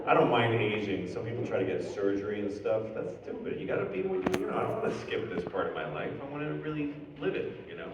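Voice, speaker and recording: A man in his fifties doing a stand-up set, talking in a deadpan, profane, conversational way on a theater stage. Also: lowish voice, fast, hardly any pauses, very noisy. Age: 50s. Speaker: stand-up comedian. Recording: far-off echoey hall recording. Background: audience ambience.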